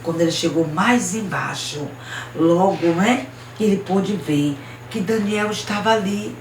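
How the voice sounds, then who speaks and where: Woman storyteller for children, expressive, roomy distant recording. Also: lowish voice, a little slow, slight background noise. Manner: expressive, asides to listeners. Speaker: missionary storyteller. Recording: roomy, distant mic, faint ambience.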